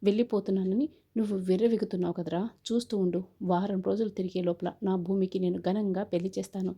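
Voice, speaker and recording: A woman reading a stern angry father, husky voice. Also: medium pitch, fairly even intonation, fast, warm tone. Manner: stern, threatening. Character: angry proud father of the bride.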